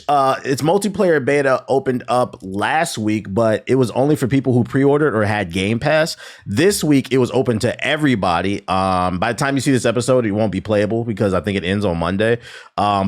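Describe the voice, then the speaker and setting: A man hosting a podcast in a casual, profanity-sprinkled conversational way. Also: mid-range voice. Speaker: podcast host.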